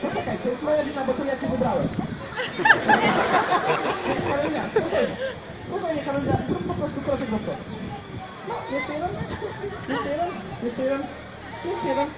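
A young man performing as a street juggler, joking with the crowd and giving quick instructions to volunteers in an outdoor square. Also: very high-pitched. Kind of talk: live street show patter to a crowd. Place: large outdoor town square with a big crowd. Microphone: no mic, caught by a phone camera in the audience. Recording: distant, echoey, loud crowd noise.

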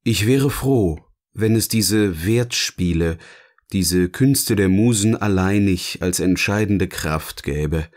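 A male voice actor and narrator plays a teasing, philosophical partner in scripted audio-novel dialogue, theatrical and questioning in manner. The mood is musing. His voice is deep and darkish, and he speaks at a slow pace.

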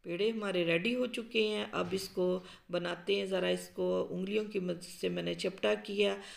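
Gravelly-voiced woman explaining a recipe. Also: medium pitch, normal speed. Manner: calm, explanatory, with frequent um fillers. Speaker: cooking show host. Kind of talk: step-by-step cooking instructions. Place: home kitchen.

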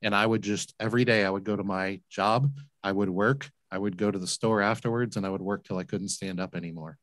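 The voice is a man's, lowish and steady, fairly quick and a bit bright, on a dry recording. He's an earnest laundromat entrepreneur telling his story as a guest in an interview, emphatic and prone to repeating words when moved. He speaks from a room at home, indoors, over a video call with a large desk mic and headphones.

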